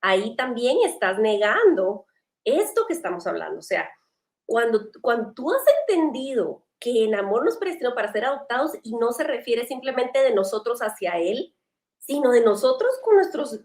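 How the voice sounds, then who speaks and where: A woman's voice: a little high, very animated, normal speed, darkish tone. A woman hosting a church panel discussion, earnest and conversational, asking pointed questions. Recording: roomy echo.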